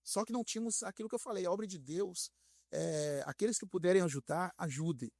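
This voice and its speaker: A bishop with a Brazilian Portuguese accent tells a story on a podcast, frank and animated, voicing each person he quotes. His male voice sits a little high, and the sound is close and dry with no room behind it. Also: fast, vocal fry, no room sound. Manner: animated, acts out dialogue in his stories; frank, direct speaker.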